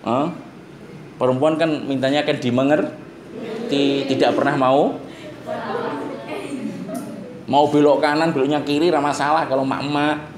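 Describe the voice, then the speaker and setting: A man with a Javanese accent teaching a class, joking and quizzing his students with quick questions. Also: mid-range voice, little pitch movement, a crowd in the background. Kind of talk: classroom lecture. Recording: roomy classroom echo, faint noise.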